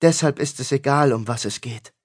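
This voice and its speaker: A man voicing a calm, gentle young boy in an audiobook. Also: medium pitch, moderate pace, lightly acted.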